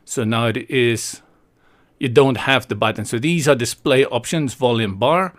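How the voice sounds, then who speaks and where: Thinking aloud as he goes, a man with a South African background offers a laid-back software tutorial full of playful opinions. He speaks at a medium pitch and a measured pace.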